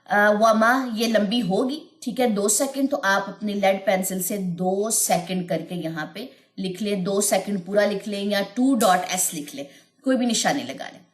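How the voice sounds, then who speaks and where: A woman teaching tajweed, explaining patiently with repeated points and chanting verses slowly. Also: medium pitch, reverberant. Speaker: Quran recitation teacher. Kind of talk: tajweed lesson with chanted recitation.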